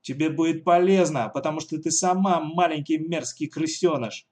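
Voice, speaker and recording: A man voicing a cruel, bossy adult woman kidnapper who shouts threats. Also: a little high, normal speed, voice pushed up, natural voice. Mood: gloating.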